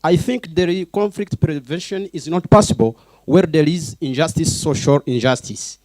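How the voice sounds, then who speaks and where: Man from Burundi, NGO director, slightly high pitch, earnest and brief. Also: moderate pace, darkish tone, no echo. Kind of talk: panel contribution.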